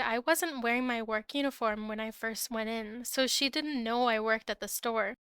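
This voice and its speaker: A woman's voice: fairly high pitch, bright, forceful tone, smooth, dry recording. A woman from Ontario with a Canadian accent, telling work stories in a casual, conversational, lightly exasperated way. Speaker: storyteller recounting past food service work. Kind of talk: casual storytime narration.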